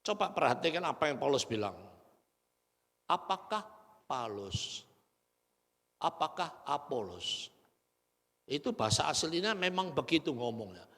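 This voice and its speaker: A man's voice: fairly high pitch, normal speed. Older man preaching in a reverberant church. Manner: lively preaching with colloquial asides and acted quotes. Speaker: pastor. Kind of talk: sermon.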